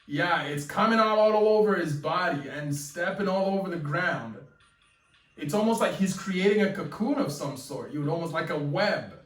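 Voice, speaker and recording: A young man reacting live to a webcomic chapter as he reads it, excitedly narrating and exclaiming "yo" often. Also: high voice, moderate pace. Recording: echoey room, mic at a distance, faint music.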